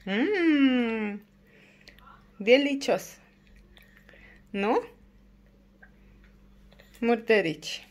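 A woman filming a casual home vlog, talking to her toddler in coaxing, doting baby talk and signing off softly. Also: expressive, pauses often. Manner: soft, low-key sign-off. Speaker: family vlogger.

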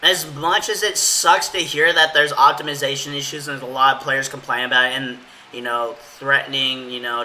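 A man with a hoarse voice giving casual, rambling, opinionated gaming commentary as channel host. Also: mid-range voice, bright, forceful tone, a little hiss or hum, low-quality recording. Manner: rambling, filler-heavy, opinionated. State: hoarse from yelling.

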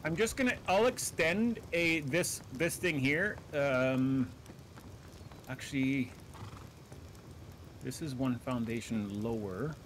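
A mid-pitched man chatting over a team game, stopping and restarting as he gives orders to his teammates. A faint noise sits under his voice. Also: fairly bright tone. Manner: halting, full of "uh", directing teammates. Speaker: gamer on voice chat. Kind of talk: casual team game chat.

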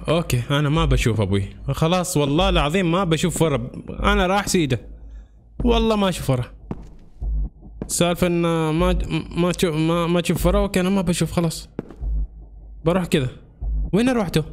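A man commentating a horror game let's-play, excitable and jumpy, constantly calling out to his viewers. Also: on the high side, fast talker, long pauses, slight background noise. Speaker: gaming channel host.

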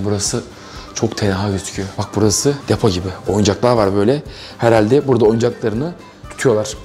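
A young man vlogging as he explores a dark store, talking in a low, playful hush to the camera. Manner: low hushed narration, playful. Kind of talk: hushed exploring vlog.

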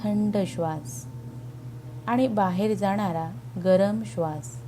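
A woman narrating a guided meditation in a calm, soothing, unhurried way with long pauses, over background music. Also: medium pitch, slight background noise, poor audio.

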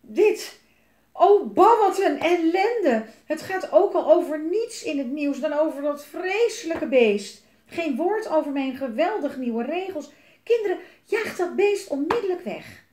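A woman's voice: fairly high pitch, big pitch swings, fairly quick, a little mellow. Pompous, grumbling father, read by a woman; roomy sound. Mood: cross. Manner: stammering, cross, self-pitying. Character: stammering self-important father, a councillor. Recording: roomy echo.

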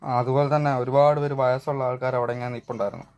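A man's voice: medium pitch, steady tone, rapid-fire, a little mellow, clean tone, dull audio. A man talking casually to his vlog viewers at home, rambling and searching for words as he goes. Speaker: family vlogger. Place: at home, partly outdoors.

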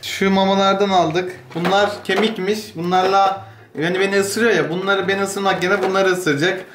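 A man's voice: high-pitched, little pitch movement, normal speed, a bit bright, slight background noise. A man casually chatting in a home vlog, playful and laughing as he teases and scolds a biting puppy. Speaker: vlogger playing with his new puppy. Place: at home indoors.

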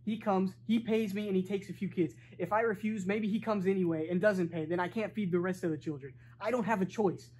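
A man's voice: high-pitched, steady tone, brisk, hardly any pauses, darkish tone, husky. A young man playing a defensive orphanage director in an amateur fan film, explaining at length in a meeting hall, recorded on the camera mic. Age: young adult.

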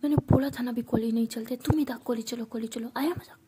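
A woman's voice: fairly high pitch, fairly even intonation, quick pace, heavy background noise, close to an everyday voice. A woman voicing an irritable young college girlfriend in a whispered role-play.

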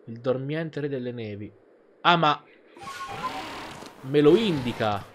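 A man's voice: mid-range voice, animated, takes it slowly, background noise. A man giving casual let's play commentary, thinking aloud and reacting as he plays. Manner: chatty, thinking aloud, exclamatory. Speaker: gaming YouTuber. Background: faint game music.

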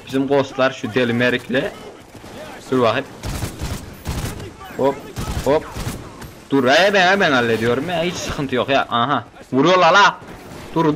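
Young guy yelling and joking thru a shooter game, talks back to the characters, faint game noise behind. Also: on the high side. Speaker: gameplay commentator. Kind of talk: casual gameplay commentary.

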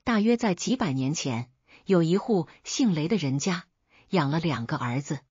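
A woman storyteller reading a folk tale as steady, expressive scripted narration on a dull, dry recording. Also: low voice, moderate pace, slightly rough, dry recording.

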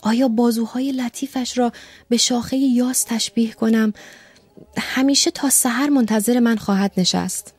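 A woman's voice: on the high side, steady tone, a little mellow, breathy edge, dry recording, soft background music, voice pushed up. A woman doing an eager, gushing young male secretary. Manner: gushing and breathless with joy.

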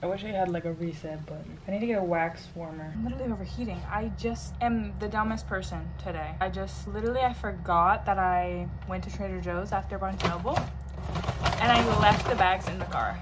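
A young woman vlogging on her phone, chatty and casual, swearing freely and saying "literally" a lot. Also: mid-range voice. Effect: recorded on a phone. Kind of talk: casual vlog talk to camera. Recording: noisy phone video recording.

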